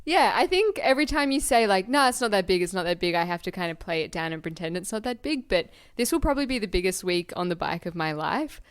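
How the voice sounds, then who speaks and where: A woman's voice: mid-range voice, lively intonation, fast, few pauses, clear, resonant tone. Bubbly young Australian woman. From Canberra, Australia. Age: 20s. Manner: bubbly, laughs often. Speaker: bikepacking rider. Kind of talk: casual chat.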